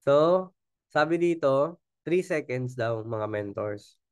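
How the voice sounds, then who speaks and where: Coaxing Filipino man, smooth voice. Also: mid-range voice, expressive, slow, darkish tone, no room sound. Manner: keeps asking the audience "di ba?", chatty and coaxing. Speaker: sales trainer. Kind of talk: casual Taglish training talk.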